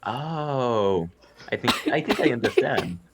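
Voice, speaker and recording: A man's voice: medium pitch, lively intonation, slow, background noise, voice pushed up. A man voicing a cheery, fussy male halfling wizard who runs a magic shop, stammering eagerly. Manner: eager, stammering, repeats words.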